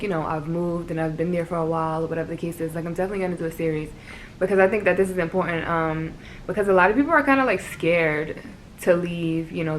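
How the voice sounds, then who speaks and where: A young woman with a New York accent talks casually to her vlog audience, rambling through her thoughts with plenty of "like" and "you know." Her voice sits a touch low, and there is a faint noise under the recording. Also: low-quality recording. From Brooklyn, New York. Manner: rambling, filler-heavy, laughs often. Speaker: vlogger.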